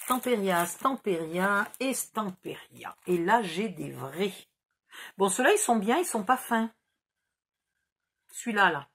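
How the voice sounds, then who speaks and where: A woman's voice: medium pitch, animated, slow pace, fairly bright tone, slightly rough. A middle-aged woman chatting casually through a scrapbooking haul, rambling and mocking herself as she loses track. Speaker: scrapbooking YouTuber. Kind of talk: casual haul video chat.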